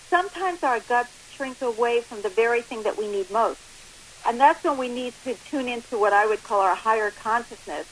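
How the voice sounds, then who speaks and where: Over a hissy, noisy phone line, a woman in her late sixties gives an emphatic, explanatory interview as a guest counselor. Her voice is a little high with a fairly bright tone.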